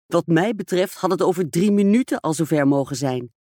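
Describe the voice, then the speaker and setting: A woman reading aloud, voicing a vain, excitable society stepmother who gushes and speaks self-importantly. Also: fairly low pitch, a little fast, no room sound, clean studio sound, natural voice. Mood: excited. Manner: gushing, self-absorbed, exclamatory.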